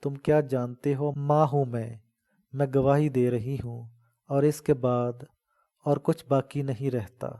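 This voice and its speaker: A man's voice: medium pitch, steady tone, dark tone, lightly acted. A man voicing a fierce, protective old village mother in a dramatic audiobook reading, talking fervently and scolding. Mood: fierce defiance.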